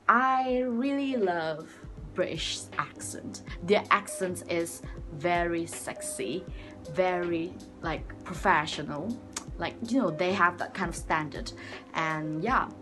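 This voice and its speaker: A young woman from Sabah, a native Malay speaker with a Malaysian accent, talks to a front-facing camera held at arm's length in a small room by a door. Her voice is on the low side and fairly bright, and her casual vlog talk is earnest and rambling, full of restarts.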